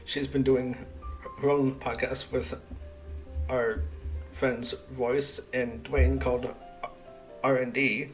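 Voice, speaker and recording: A man hosting a podcast in a relaxed, casual way, often stumbling over his words, over a video call. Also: medium pitch, slow, long pauses, soft background music, low-quality recording. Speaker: podcast host.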